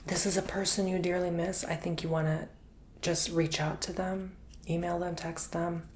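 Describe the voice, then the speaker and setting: A man giving an intimate, chatty ASMR tarot reading, drifting between soft speech and whispers and calling the listener honey. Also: high-pitched, little pitch movement, normal speed, a little hiss or hum. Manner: repeats words for emphasis. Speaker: tarot reader.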